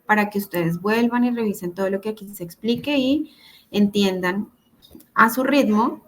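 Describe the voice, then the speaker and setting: A woman's voice: mid-range voice, moderate pace. A woman teaching English grammar to a class over a video call, patient and repeating examples. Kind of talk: online class explanation. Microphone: computer mic on a video call.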